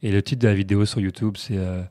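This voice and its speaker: A man, a podcast guest, telling stories in casual chat, animated and jokey, often restarting his sentences. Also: on the low side. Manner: fast, animated, jokey storytelling with repeated restarts.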